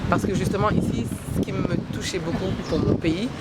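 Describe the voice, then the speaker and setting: A woman's voice: mid-range voice, fairly quick. A woman in her thirties, a home-care nurse raised in France, speaking earnestly and passionately in a street interview, with frequent restarts. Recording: loud crowd and traffic behind.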